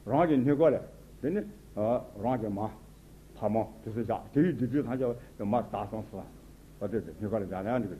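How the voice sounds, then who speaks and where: A man's voice: on the low side, brisk. Male teacher on a tinny, lo-fi recording. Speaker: Buddhist teacher. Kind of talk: spoken commentary on a religious text. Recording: tinny phone-like sound with faint noise.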